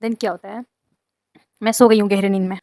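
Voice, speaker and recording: A woman telling a personal story to her viewers with plenty of drama and indignation. Her voice sits at a middle pitch and is recorded close and dry, with no room sound. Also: steady tone, a little fast, mellow, dry recording. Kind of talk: casual storytelling.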